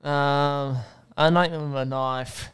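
A man's voice: a little high, steady tone, slow pace, fairly bright tone, smooth. A man in his late twenties, a podcast guest giving hesitant, brief replies with many fillers. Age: 20s. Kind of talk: casual podcast interview.

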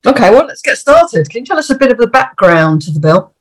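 A woman's voice: fairly high pitch, very animated, fast talker. A woman hosting a podcast interview, putting questions to a guest. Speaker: podcast host.

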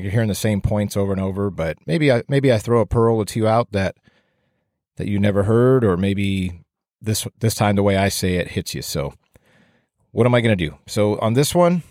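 Here the firefighting instructor and podcast host speaks solo, informal and meandering, using plain words and making light of himself. His voice sits on the low side, the recording has no echo, and his breathing comes through on the close mic.

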